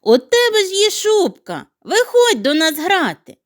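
A woman's voice: sing-song, unhurried, a bit bright, full character voice. A woman voicing a playful, teasing little girl snowflake in a children's audio tale. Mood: calling gaily. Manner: high, bubbly, teasing calls.

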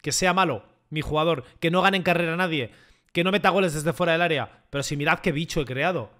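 A young man with a Spain Spanish accent commentating his own gameplay live to chat, excitable and crude, often shouting at the game. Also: fairly high pitch, quick pace. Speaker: gaming streamer.

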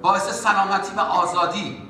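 A male pastor delivers an impassioned sermon in a high, bright and forceful voice. He is heard from a distance in an echoey church, with faint music behind him. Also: little pitch movement. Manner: impassioned preaching, rising to loud exhortation. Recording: echoey church hall from far off.

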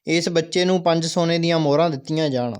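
A man reading the part of a kind, generous king in a school play, speaking gently in his own voice. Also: on the high side, steady tone, fast, clear, resonant tone, natural voice. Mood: kindly.

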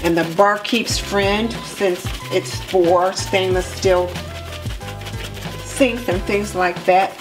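Woman calmly explaining kitchen sink cleaning. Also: mid-range voice, slow. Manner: relaxed, practical, explains step by step. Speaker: homemaking vlogger. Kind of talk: cleaning tutorial narration. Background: background music.

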